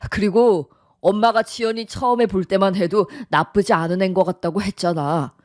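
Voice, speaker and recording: A man's voice: high-pitched, fairly even intonation, brisk, no room sound, clean studio sound, lightly acted. A synthetic voice playing an earnest young man who pleads and defends his fiancée in a radio drama. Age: young adult. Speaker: son in love.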